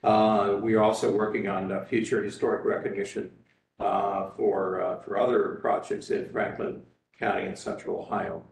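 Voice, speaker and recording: A man giving sworn public testimony at a review board hearing as a historical society president, speaking haltingly with many filler sounds. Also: on the low side, little pitch movement, vocal fry. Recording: echoey hearing-room recording from far off, like a courtroom.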